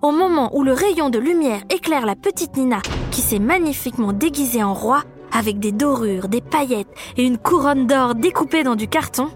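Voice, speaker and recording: A woman narrating a children's story aloud in a lively, expressive way for young listeners. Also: sits high, normal speed, hardly any pauses, faint music behind.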